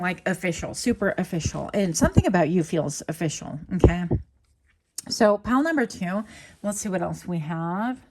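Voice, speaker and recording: A woman tarot reader talks her viewers through a spread in an easy, chatty way. Her voice sits a little on the low side, and she rambles, restarts words and slips in small laughs as she goes. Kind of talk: casual tarot reading to camera.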